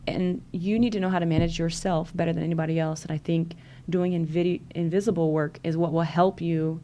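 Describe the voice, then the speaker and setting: A Southern American woman from Louisiana is a podcast guest in a casual interview chat, speaking earnestly and encouragingly with lots of fillers. Her lowish, dark-toned voice moves briskly with a flat delivery.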